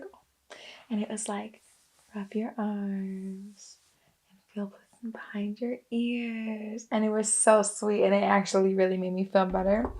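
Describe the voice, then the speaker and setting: A young woman telling a personal story in a casual, chatty way, full of "like" and "um", with soft asides. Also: mid-range voice. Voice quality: creaky fry voice. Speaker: wellness vlogger.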